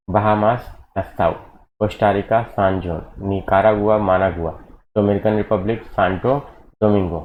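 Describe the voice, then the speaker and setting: Low-voiced man drilling exam facts. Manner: rapid list recitation with repeated "ठीक है" and "बच्चों". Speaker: exam coaching teacher. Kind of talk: exam-prep geography lecture. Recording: dull lo-fi audio with faint noise.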